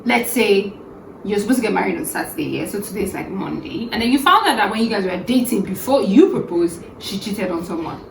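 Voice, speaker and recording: A woman co-hosting a casual panel chat, animated and quick to talk over the others. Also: mid-range voice, creaky. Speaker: co-host. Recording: roomy, distant mic with faint hiss.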